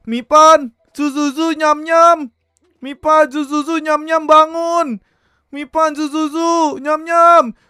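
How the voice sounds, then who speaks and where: A man narrating a role-play game in a panicky, excitable way, constantly talking to his viewers. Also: extremely high pitch, slow pace, dry recording, clean studio sound. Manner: excitable, keeps addressing viewers as guys.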